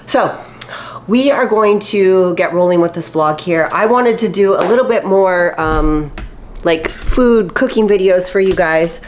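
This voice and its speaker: In her home kitchen, a woman fitness vlogger chats casually while cooking, upbeat and full of fillers, though a little stuffy and nasal from a cold. Her voice is lowish and unhurried. Faint sizzling of frying food plays underneath, along with a little hiss or hum.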